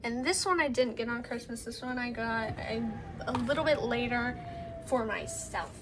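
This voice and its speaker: A woman's voice: fairly high pitch, normal speed. A woman giving a casual, gushing, rambling show-and-tell to camera, talking in strong wind. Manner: gushing, rambling with many 'like' asides. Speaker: tarot deck collector showing cards to camera. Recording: windy outdoor-like background noise. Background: wind noise.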